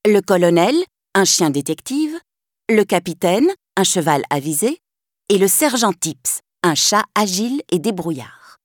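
A woman narrating a children's storybook in a clear, gently expressive reading. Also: medium pitch, a little slow, no echo, clean studio sound.

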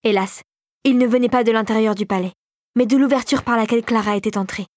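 A woman narrating an adventure storybook in a dramatic, expressive way. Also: fairly high pitch, fast, no echo, studio quality.

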